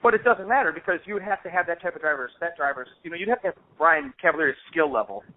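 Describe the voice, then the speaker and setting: Quick-paced and on the high side, a man swaps anecdotes on an informal phone chat. The host of a hobby show, he rambles in a slangy, casual way, recorded with dull lo-fi phone sound.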